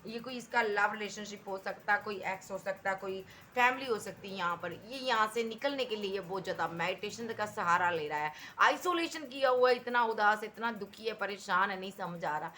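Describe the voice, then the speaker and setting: Bright-voiced woman giving a tarot reading. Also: mid-range voice, normal speed, few pauses, slight background noise. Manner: emphatic, repetitive, addresses the viewer directly. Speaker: tarot reader.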